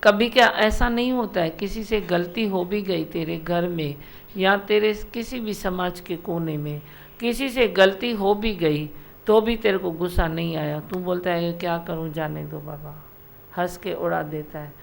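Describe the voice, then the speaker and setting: A woman's voice: fairly low pitch, a little slow, vocal fry. A woman spiritual teacher giving a devotional satsang discourse, exhorting her listeners directly and repeating her points. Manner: repetitive exhorting, direct address. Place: satsang hall.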